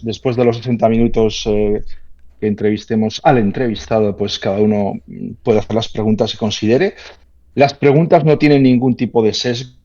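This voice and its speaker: Male interview host, halting and full of fillers, muffled lo-fi audio. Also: mid-range voice, darkish tone. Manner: hesitant, many fillers and restarts. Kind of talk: casual interview.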